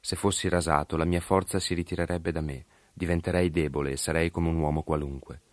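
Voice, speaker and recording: Male narrator as a naive strongman hero: deep, solemn, hushed. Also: fairly even intonation, fairly quick, no echo, natural voice. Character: mighty but naive male hero, boastful.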